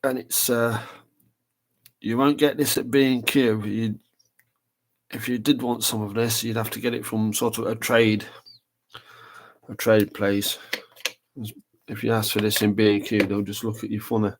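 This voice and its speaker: A man's voice: lowish voice, level tone, measured pace, pauses often, a little hiss or hum. A man chatting casually on a live stream while painting a model, rambling and thinking aloud as he works. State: talking with a brush in his mouth.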